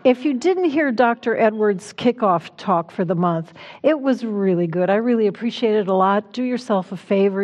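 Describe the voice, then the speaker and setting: A woman minister delivering a conversational sermon in a reflective, informal way, gently guiding her listeners. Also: mid-range voice, muffled recording. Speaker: minister giving a talk. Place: church sanctuary.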